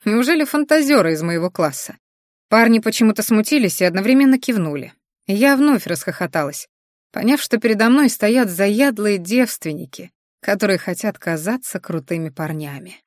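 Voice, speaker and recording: A woman reading a first-person audiobook, expressive and sardonic. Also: mid-range voice, normal speed, no echo, clean studio sound. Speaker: audiobook narrator.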